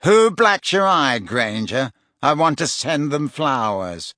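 A man's voice: medium pitch, sing-song, slow, pushed and bright, dry recording, studio quality, full character voice. A man voicing an arrogant, spoiled teenage boy in a storybook, drawling with petulant sneers. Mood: sneering.

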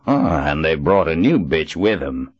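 A male narrator voicing a menacing possessed man in an audiobook, deep and gravelly, slow and taunting. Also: very animated, lo-fi sound, heavily acted. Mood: gloating. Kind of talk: audiobook character voice.

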